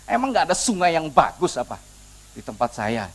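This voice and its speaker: A man's voice: on the high side, very animated, moderate pace. A man voicing a proud male army general who is offended at being slighted, in a sermon retelling. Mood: indignant.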